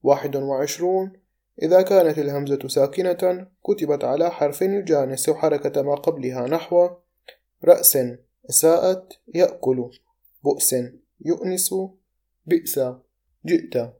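A man reading out numbered spelling rules and word examples in a measured teaching voice. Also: a little high, warm tone.

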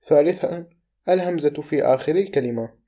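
Man reading out spelling rules, dark tone. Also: fairly high pitch. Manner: measured, listing numbered rules and word examples. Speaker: teacher.

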